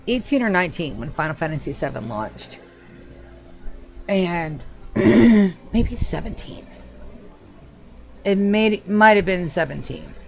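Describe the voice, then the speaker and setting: A woman in her forties chatting on a live game stream, rambling and wry, swearing casually. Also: fairly low pitch. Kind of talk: casual livestream chat.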